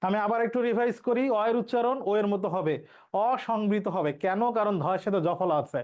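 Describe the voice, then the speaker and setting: A man's voice: high-pitched, fairly quick, a little mellow. A man. He teaches an exam-prep lesson, walking through each rule patiently. He repeats the key points so that students can follow. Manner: explains step by step, repeats key rules.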